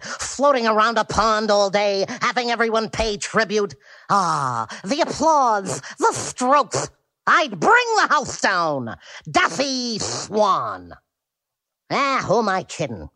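A man's voice: sits high, pushed and bright, full character voice. A man voicing a vain, boastful male cartoon duck, brash and self-important, tripping over his words when flustered, in a radio storytime.

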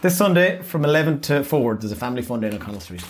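A man's voice: mid-range voice, very animated, very fast, a little hiss or hum. A middle-aged man with a west of Ireland accent hosting a local radio show, rambling casually through the papers in a chatty, encouraging way. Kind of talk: casual paper review chat.

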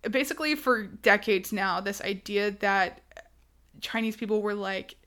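A woman co-hosting a casual podcast, telling history quickly and animatedly with asides and laughs. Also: mid-range voice, fairly bright tone. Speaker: podcast co-host.

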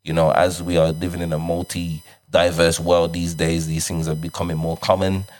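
Low male voice, London roadman accent and slang, casual group discussion. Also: flat delivery, normal speed, darkish tone.

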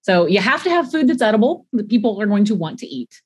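A woman with a medium-pitched voice hosts a casual interview. She mostly offers short affirmations, then explains practical tips in a plain, conversational way. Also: sing-song, quick pace, darkish tone, breathy edge.

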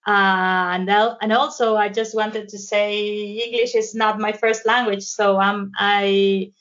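Slow woman, flat delivery. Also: mid-range voice. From Mexico. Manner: hesitant, many fillers and restarts. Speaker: guest, psychotherapist and art therapist. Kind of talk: casual interview talk in a second language. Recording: dull lo-fi sound.

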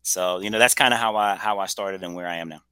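A man's voice: deep voice, steady tone, fast, sharp tone, clean tone, no room sound. A man in his forties from Trinidad and Tobago, a guest telling his story in an upbeat, chatty way. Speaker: podcast guest, entrepreneur. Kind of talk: casual interview storytelling.

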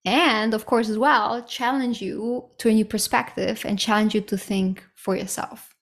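This woman, in her thirties, has a steady voice on the high side and an unhurried pace. Alone on her podcast, she reflects frankly and casually, swearing now and again and saying "like" and "right?" a lot.

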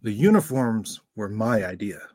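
A man acting a composed, fatherly professor and mentor with a husky voice in a live radio play. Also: fairly low pitch, sing-song, moderate pace, darkish tone, no room sound, studio quality.

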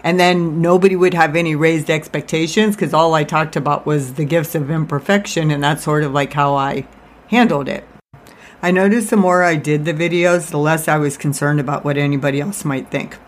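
A woman who works as a life coach and podcast host delivers an informal, confessional monologue about herself, speaking out of one side of her mouth in a self-deprecating way. Her voice is deep and steady, and she talks a little fast.

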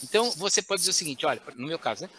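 A man's voice: on the high side, expressive, racing, noisy background. A man, a guest expert explaining how to handle emotions in a chat show, teaching step by step with frequent tag questions. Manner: didactic, with frequent "né?" tags and restarts.

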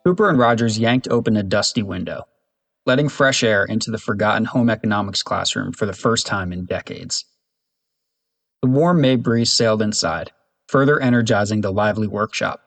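A man reads a children's chapter book aloud in a low, steady voice. His narration is even and unhurried, in the manner of a storybook reading. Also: creaky.

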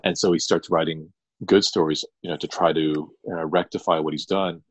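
Deep guy on a podcast, lots of ums, rambles on, dead dry sound. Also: fairly even intonation, normal speed, breathy edge, no echo, rough recording. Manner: rambling storyteller, many ums. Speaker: podcast co-host, attorney. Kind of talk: casual podcast chat.

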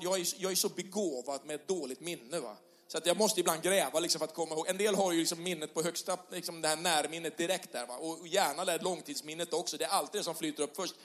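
A middle-aged male pastor preaching a sermon in a church hall, conversational with tag questions, rising to loud passionate peaks. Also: a little high. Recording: long hall reverb.

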